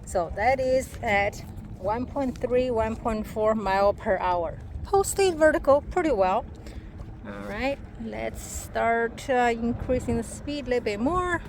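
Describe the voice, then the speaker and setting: Her voice fairly high and animated, this product demonstrator speaks at a measured pace while testing an item aboard a small motorboat. She narrates informally in clipped, fragmented comments as her hands stay busy. Boat engine and water noise fill the rough outdoor recording.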